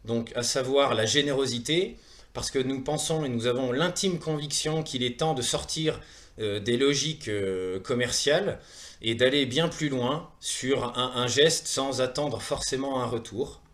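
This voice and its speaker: In a semi-prepared online presentation, a hesitant, earnest Frenchman from Saumur in Maine-et-Loire introduces a wellness training programme. His mid-range voice has a fairly bright tone and a French accent, and he pauses a lot and repeats words.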